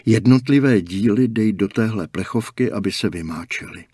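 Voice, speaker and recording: A man voicing a hushed, cryptic old attendant. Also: lowish voice, dry recording, clean studio sound. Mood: calm, cryptic. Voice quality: husky, hushed, half-whispered. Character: calm, cryptic older male gas station attendant. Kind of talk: audiobook character voicing.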